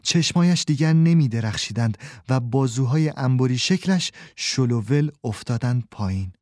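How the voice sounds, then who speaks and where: Mellow, dry-voiced male storyteller. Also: mid-range voice, lively intonation, no echo. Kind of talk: scripted storybook narration.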